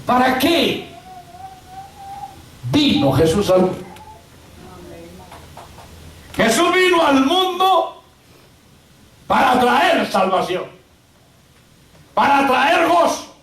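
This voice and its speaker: A woman delivers an impassioned evangelical sermon, often shouting for emphasis. She speaks at a slow, deliberate pace. Her voice rings through a roomy church from a distance. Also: high-pitched, very animated, slight background noise. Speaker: preacher. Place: church sanctuary. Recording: roomy church sound from far off.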